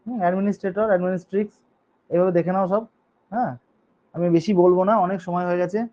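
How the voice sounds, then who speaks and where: Man, teacher, high voice, spells words letter by letter, checks in with students, dull lo-fi audio. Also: steady tone, racing, dark tone. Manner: reads rules in English, then explains them in Bengali. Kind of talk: online grammar lesson. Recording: dull lo-fi recording.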